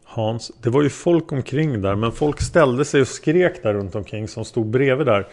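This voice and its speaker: A man reading the lines of a hesitant male taxi driver being questioned as a witness, in a plain, halting way. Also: medium pitch, expressive, a little mellow. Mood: unsure. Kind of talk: read-aloud interrogation transcript.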